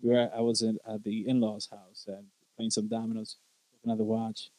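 A man in his thirties hosting a casual chat, jokey and quick to put on comic voices, switching at times into Spanish. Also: lowish voice, completely flat delivery, dark tone, no room sound. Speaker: podcast host.

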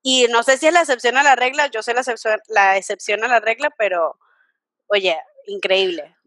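A Venezuelan woman hosting a casual podcast chat, telling stories in an animated way and laughing often. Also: a little high, moderate pace, no room sound. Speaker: podcast host.

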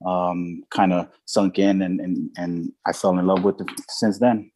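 Low and dark in tone, the voice of a young former college baseball player from Samoa stays measured with little pitch movement as he tells his story in an interview. He falters often, repeating words and using many fillers and restarts.

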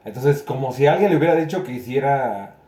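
Man with a dark voice. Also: medium pitch, lively intonation, a little fast, reverberant. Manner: retells stories, tags sentences with "¿no?". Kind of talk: casual chat.

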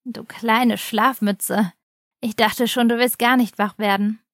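Woman voicing a cheerful dad, amused, gentle, unhurried, dry sound. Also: a little high, steady tone, dry recording. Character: cheerful, teasing father of a young boy.

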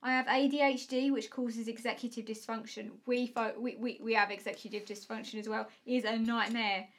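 A woman with an Essex accent and a slightly high voice chats as a podcast co-host. She is informal and supportive, speaking to listeners like friends. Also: flat delivery, fairly quick, a bit bright. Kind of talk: casual chat.

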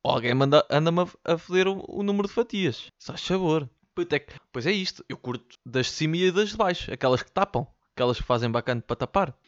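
Speaking fast and expressively with hardly a pause, a man with a slightly high voice and a Lisbon accent rants on his own podcast from his bedroom, rambling, joking, swearing and using slang. The lo-fi recording has no echo, and his studio mic sometimes goes off-axis.

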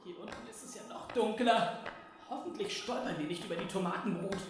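A woman's voice: medium pitch, brisk, slight background noise, natural voice. A woman voicing a crude, sarcastic male crow-like creature in a comedy audio play. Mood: nervous.

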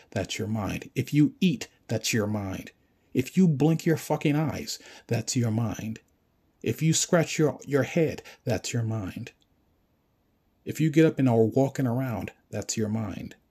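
A man's voice: medium pitch, warm tone, husky. A man delivering a profane, confrontational rant straight at the listener and insulting them as he goes. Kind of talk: ranting monologue.

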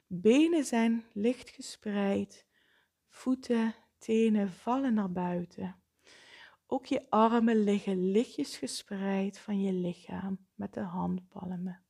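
A woman leading a guided meditation, speaking softly with frequent breathy, half-whispered phrases. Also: medium pitch. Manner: slow, soft-spoken, often breathy and whispered.

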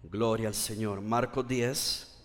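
Male pastor, sermon, fervent, repeats phrases, slow delivery, hall reverb. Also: on the low side, fairly even intonation. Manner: fervent, repeats phrases, urges congregation to respond. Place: church.

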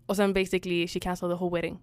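A woman's voice: fairly low pitch, level tone, no room sound. A woman chatting casually, retelling a story and acting out both sides, mixing English phrases into her tinged talk. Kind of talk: casual chat.

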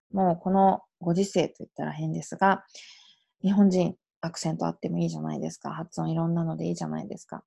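A woman's voice: fairly low pitch, gravelly, warm tone, breathy edge. A Japanese woman in her thirties hosting a solo podcast as an English coach, explaining in a chatty way and dropping in little affirming asides. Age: 30s. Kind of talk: casual solo podcast advice.

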